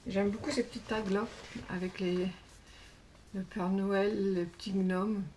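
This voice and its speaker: A woman chats through a crafting haul, pausing often with little fillers as she hunts for words. Her mid-pitched voice sits a bit back from the mic, with a faint hiss in the background. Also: little pitch movement, dark tone, recorded from a distance. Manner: chatty, hesitant, many fillers. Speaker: crafting YouTuber. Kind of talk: casual show-and-tell haul.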